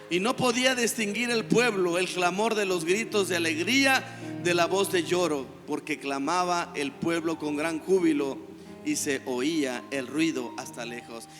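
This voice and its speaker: A man with a Mexican Spanish accent preaching a sermon as pastor, breaking into shouts and calling on the congregation to repeat after him. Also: sits high. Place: church hall. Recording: reverberant church hall with music underneath.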